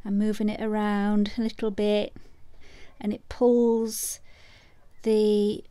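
A middle-aged woman chatting in a casual craft vlog, bubbly and chatty, sometimes dropping to soft murmurs. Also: mid-range voice, little pitch movement, takes it slowly, clear, resonant tone, no echo. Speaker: resin artist vlogger.

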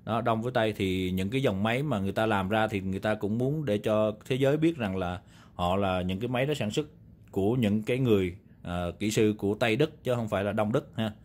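Speaking quickly in a fairly low, darkish voice, this Southern Vietnamese video host demonstrates old audio equipment on a table indoors. His review is loose and unscripted, wandering conversationally and leaning on confirming tags again and again.

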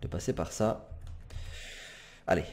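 An unhurried, slightly mellow male gamer chats through a let's play session. He stumbles over fillers and corrects himself often, staying relaxed and apologizing for cursing.

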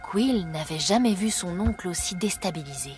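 A woman narrating a storybook game in a calm, measured way. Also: fairly low pitch, lightly acted. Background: game music.

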